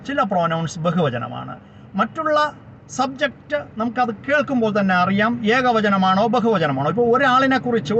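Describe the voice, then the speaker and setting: A man's voice: high voice, a bit bright. A man teaching English grammar, spelling out words letter by letter. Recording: dull lo-fi sound with faint background noise.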